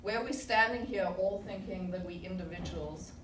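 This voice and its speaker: At a normal speed and medium pitch, a club speaker from South Africa, a woman in her forties, gives a reflective prepared speech full of rhetorical questions. She addresses an audience in a meeting room, captured in an echoey space through a distant microphone with noise in the background.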